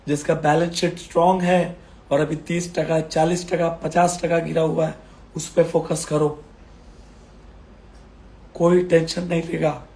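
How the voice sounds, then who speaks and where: In a casual market commentary video, a man with a fairly high, slightly mellow voice talks about stocks while unwell. His throat is strained and he coughs, repeating phrases emphatically to reassure viewers.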